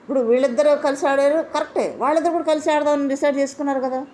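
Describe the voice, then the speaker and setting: Indignant woman reviewer, fairly high voice. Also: steady tone, rapid-fire, darkish tone, slight background noise. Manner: indignant, fires rhetorical questions, repeats points for emphasis. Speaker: reality show reviewer. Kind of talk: opinionated review commentary.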